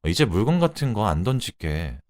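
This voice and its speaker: A man's voice: fairly low pitch, big pitch swings, a little fast, a little mellow. A man voicing a tired middle-aged husband who mutters his replies in a radio drama. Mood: weary. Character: worn-out middle-aged husband, sullen and weary.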